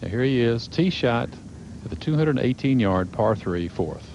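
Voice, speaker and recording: A man's voice: mid-range voice, animated, normal speed, darkish tone, highs cut off. Male golf commentator over noisy outdoor ambience. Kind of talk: live television golf commentary.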